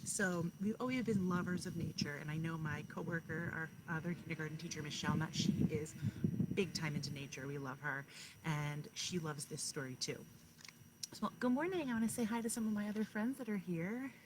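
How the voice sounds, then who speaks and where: A woman kindergarten teacher reads aloud and talks directly to young children, stopping to explain things and ask questions. Her voice sits low, and the recording is very noisy.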